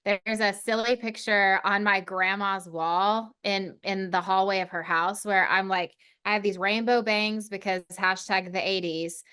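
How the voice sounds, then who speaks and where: A woman's voice: medium pitch, fairly even intonation, unhurried, hardly any pauses, pushed and bright, clear, resonant tone. A woman in her forties from Oklahoma, a podcast guest talking confidently and articulately about leadership in a casual interview. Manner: confident and articulate, self-deprecating. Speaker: podcast guest, CEO of a consulting firm.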